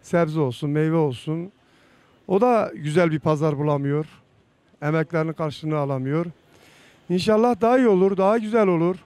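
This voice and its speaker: A man's voice: on the high side, normal speed, darkish tone, clean tone, dry recording. A man, giving a spontaneous street interview. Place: outdoors in a town market street.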